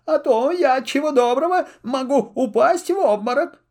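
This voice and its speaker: A man's voice: extremely high pitch, animated, normal speed, a little mellow, pitched above the performer's own voice. A man voicing a sly, sweet-talking female fox with a sing-song, simpering manner, in a storybook reading.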